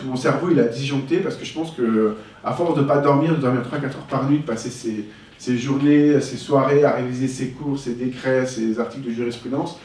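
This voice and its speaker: A man's voice: mid-range voice, darkish tone. A man giving a candid, reflective talk about his own life, telling it as a personal testimony. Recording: echoey room, voice from far off.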